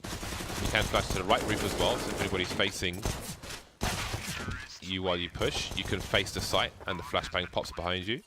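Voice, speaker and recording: A man's voice: deep voice, steady tone, moderate pace, noisy background. A man doing play-by-play commentary on a competitive shooter match, chatty and prone to light banter. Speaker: play-by-play caster. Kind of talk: esports commentary. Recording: loud game sounds behind.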